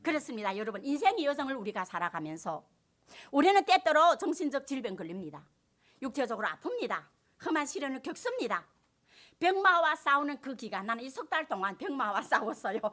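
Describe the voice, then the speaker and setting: A woman's voice: high-pitched, very animated, fairly quick, a bit bright. A woman pastor preaching a sermon in a church, with rising emphasis and call-and-response with the congregation.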